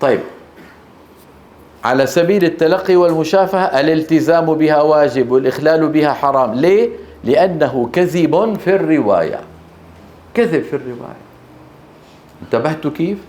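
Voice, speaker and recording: A man with a Levantine Arabic accent gives a lecture, his voice sitting a little high. He is emphatic and keeps firing short questions at the class. The sound rings around an echoey teaching hall. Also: lively intonation, normal speed, pauses often, darkish tone. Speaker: Quran recitation teacher. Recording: echoey room.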